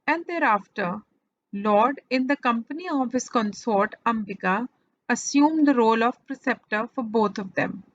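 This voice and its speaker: A woman, reading and retelling a religious scripture in a measured devotional narration with deliberate pauses. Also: fairly high pitch, muffled recording. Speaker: scripture reader.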